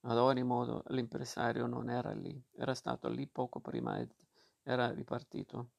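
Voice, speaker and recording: Gravelly, flat-voiced male narrator. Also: medium pitch. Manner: steady, measured reading with occasional slips. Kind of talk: audiobook reading of a novel.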